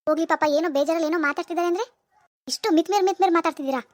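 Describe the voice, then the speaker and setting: A woman's voice: extremely high pitch, rapid-fire, no echo, clean studio sound. A woman voicing a grieving, defensive mother-in-law in a cartoon. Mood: indignant. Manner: wailing laments, then stern rebukes. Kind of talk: animated cartoon voice acting.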